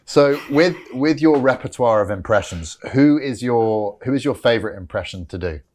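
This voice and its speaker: A man's voice: mid-range voice, animated, moderate pace, darkish tone. A man hosting a podcast interview, asking friendly, rambling questions with repeated words. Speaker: podcast host. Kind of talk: casual interview chat.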